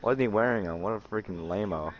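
A man's voice: lowish voice, brisk, muffled recording. A young man chatting casually over a game, needling others in a laid-back frat-bro way with dude and man. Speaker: online game player. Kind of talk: casual game-chat banter.

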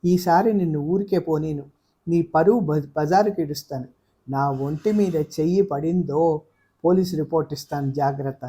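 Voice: mid-range voice, normal speed, dark tone, close to an everyday voice. A reader voicing a scornful, angry young woman in an audiobook of a novel. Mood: furious. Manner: scornful, accusing. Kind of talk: audiobook character voice.

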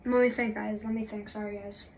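A woman's voice: medium pitch, flat delivery, brisk, a little mellow, slight background noise, rough recording. A young woman talking off the cuff as a gaming YouTuber, rambling and apologizing, with lots of fillers and restarts. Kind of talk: unscripted casual commentary.

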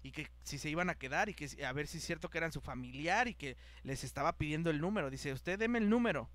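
Young male podcast host with a Mexican accent. Lively, slangy storyteller with a high voice. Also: fast talker, dry recording. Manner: animated, acts out the voices of people in his story, heavy slang. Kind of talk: casual storytelling chat.

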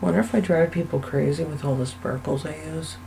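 A woman's voice: sits low, fairly quick, vocal fry, noisy background. Chatty woman narrating a craft video. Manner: chatty and rambling, thinking aloud. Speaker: soap maker and channel host.

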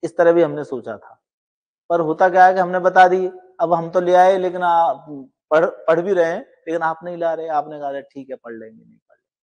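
Middle-aged male coach, earnest motivational talk to students, voice sits a little high, emphatic. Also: moderate pace, highs cut off. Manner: earnest, lively and emphatic, with rising emphatic lines and quiet asides. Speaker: law exam coaching teacher.

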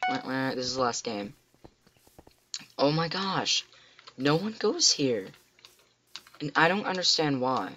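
A teenage boy with a cracking voice, rambling excitedly to himself as he plays a computer game. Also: mid-range voice, slow, pauses often, slight background noise, rough recording. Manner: excitable, rambling, talks to himself while playing. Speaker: gamer. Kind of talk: casual game commentary. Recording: loud keyboard clicks and typing.

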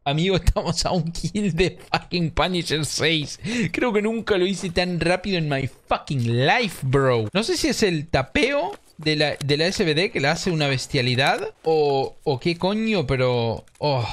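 A man with an Argentine accent giving excitable live gameplay commentary, swearing and mixing in English slang. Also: on the high side, unhurried. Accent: Argentine Spanish. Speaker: streamer.

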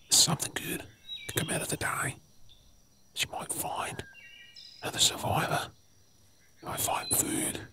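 In a whispered ASMR role play, an Australian man with a slightly high voice plays a weary, protective survivor of a zombie apocalypse. He sounds exasperated, keeping his tone hushed, urgent and coaxing.

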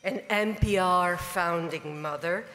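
A woman speaks through a hoarse, laryngitis-roughened voice, pitched low. She reads a formal introduction at a podium, her words ringing out in a large dinner hall with faint background hiss. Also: takes it slowly, bright, forceful tone. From Italy. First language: Italian. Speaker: event speaker introducing keynote. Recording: hall reverb, faint noise.

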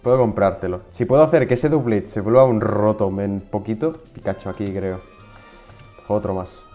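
Young male gaming creator, Spain Spanish accent, relaxed mellow voice, casual excitable play-by-play with frustrated outbursts. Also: on the low side, moderate pace, soft background music. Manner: excitable, shouts in frustration at the game. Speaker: gaming YouTuber. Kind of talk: casual gameplay commentary.

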